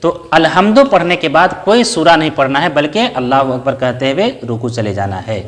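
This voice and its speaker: A man's voice: a little high, fairly quick. A man teaches each step of the prayer in order, in a slightly raised voice. He poses a question to the listener and answers it himself. He works short recited Arabic phrases into the explanation. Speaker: religious teacher. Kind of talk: step-by-step spoken lesson.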